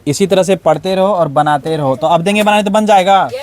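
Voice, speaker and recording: A man's voice: high-pitched, brisk, heavy background noise. A male teacher leading a classroom lesson, firing repeated questions at his students for them to answer back. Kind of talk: classroom lesson with call-and-response. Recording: class chatter and student replies behind.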